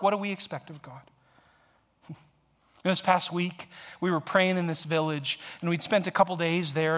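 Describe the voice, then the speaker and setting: A man in his forties from the United States preaching a conversational sermon, moving from emphatic peaks to soft, hushed storytelling. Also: high-pitched. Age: 40s. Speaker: pastor.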